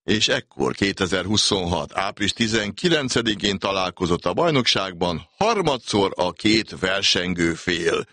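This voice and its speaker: A man's voice: sits low, animated, hardly any pauses, sharp tone, dry recording, clean studio sound. A man reading a scripted football season recap as a voice-over. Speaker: sports narrator.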